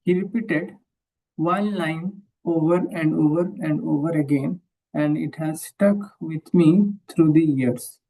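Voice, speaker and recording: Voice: mid-range voice, warm tone, slightly rough, recorded from a distance, poor audio. A speaker from India, reading a book aloud and discussing it, often stopping to reread and repeat phrases. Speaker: book reader.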